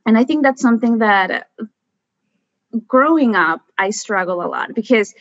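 A woman, a guest telling her story in lively, chatty talk full of fillers. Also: on the high side, normal speed, dry recording, lo-fi sound. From Mexico. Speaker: guest, environmental scientist. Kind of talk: casual conversation.

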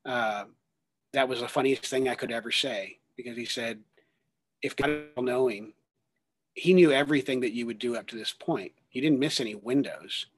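A man in his thirties who does ministry work speaks as a guest, giving an earnest conversational testimony. He rambles with many fillers and restarts, in a medium-pitched, breathy voice at normal speed.

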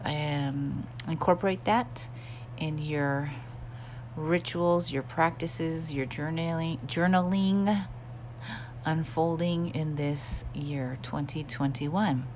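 A woman with a low-pitched voice hosts a podcast in a casual, confiding style. She takes her time and often feels her way into a sentence. She is recorded in a bathroom, with a soft fan hum running behind her. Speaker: podcast host. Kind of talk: casual chatty podcast talk. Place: small bathroom at home. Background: humming bathroom fan.

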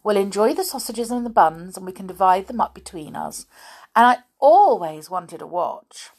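A woman's voice: medium pitch, big pitch swings, normal speed, darkish tone, voice pushed up. A woman voicing a big naughty girl doll who talks in a bossy, smug, teasing way.

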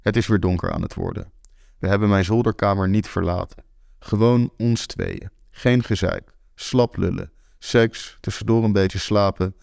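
A young man reading a first-person story aloud with wry, deadpan delivery. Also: fairly low pitch, moderate pace, creaky, no echo, clean studio sound. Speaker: narrator.

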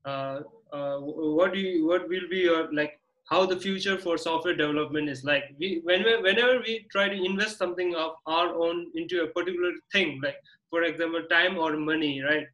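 A man's voice: on the high side, a bit bright, rough recording. A man conducting a casual interview, feeling his way through long questions with many filler words and tag questions. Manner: halting, rambling questions with frequent "like" and "right?".

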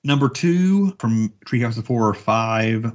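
A man's voice: medium pitch, lively intonation, measured pace, a little hiss or hum. A man in his thirties co-hosting a podcast in casual chat, rambling with many fillers and chuckling as he goes. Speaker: podcast co-host. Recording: dull lo-fi podcast audio.

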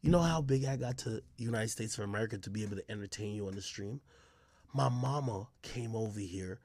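With a lowish, somewhat mellow voice and a slightly quick pace, a Jamaican man hosts an off-the-cuff reaction podcast. His commentary is brash, slangy, profane and emphatic, like relaxed streamer talk, and the recording has no echo.

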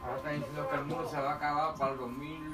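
A man's voice: on the high side, flat delivery, racing. Man in his sixties, distant and echoey. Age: 60s. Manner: joking, boastful storyteller. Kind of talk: casual chat mixing Spanish and English. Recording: echoey, distant, loud music behind.

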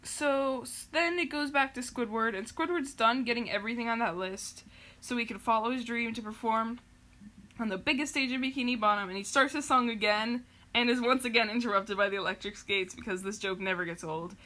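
A young woman hosts a podcast, recapping a show in loose, rambling chat full of fillers and small giggles. Her voice is bright and a little high. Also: a little fast. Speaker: podcast host.

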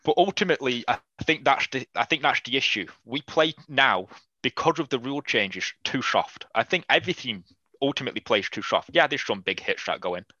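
A man talking football in a casual podcast chat, blunt and animated, swearing freely. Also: mid-range voice, fairly quick, no room sound. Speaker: podcast guest. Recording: slightly dull, lo-fi mic.

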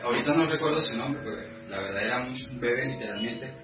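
A Venezuelan man in his thirties, a guest artist, telling his story in a casual interview with many thoughtful pauses and fillers. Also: mid-range voice. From Venezuela, the llanos. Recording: echoey room, distant lo-fi mic, music.

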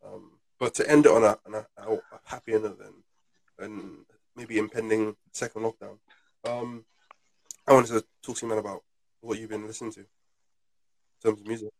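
A man's voice: lowish voice, level tone, moderate pace, pauses often, a little mellow, no room sound, rough recording. A man hosting a casual chat, repeating phrases for emphasis. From Britain. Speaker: podcast host.

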